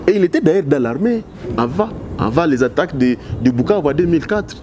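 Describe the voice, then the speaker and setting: A political analyst from the Democratic Republic of the Congo answers interview questions passionately in a Congolese French accent, restarting himself repeatedly. His voice is on the high side, fast and lively in intonation, with a noisy background.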